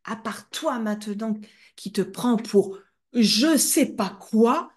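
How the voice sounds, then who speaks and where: A woman voicing a harsh, exhausted mother of five who scolds her son in coarse, drawn-out words. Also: fairly high pitch, sing-song, pitched above the performer's own voice. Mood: scolding.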